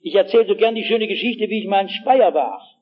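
A man, a pastor, preaching an evangelistic sermon with personal anecdotes, telling them dramatically and swinging from hushed tones to shouts while he speaks straight to his listeners. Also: high voice, lively intonation, a little fast, highs cut off. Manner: addresses the audience directly with asides.

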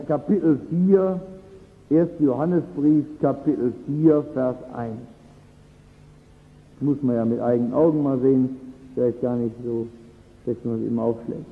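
A man's voice: medium pitch, measured pace, long pauses. A man preaching a sermon, earnest and emphatic, who repeats his key phrases for weight. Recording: tinny phone-like sound in a long-echoing hall.

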